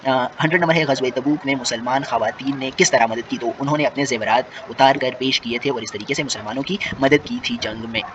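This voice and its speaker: A man's voice: medium pitch, fast talker, few pauses. Man solving a test paper. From Pakistan. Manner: reads each question in English, then explains in Urdu; self-correcting, with frequent "sorry" and fillers. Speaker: exam prep teacher. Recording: distant, muffled mic with audible noise.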